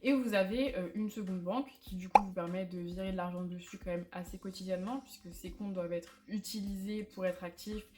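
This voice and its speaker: A woman's voice: medium pitch, steady tone, fairly quick, few pauses, darkish tone. A young woman vlogging in a casual, candid way, chatty and self-mocking, with lots of fillers. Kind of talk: casual chat to camera. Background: faint background music.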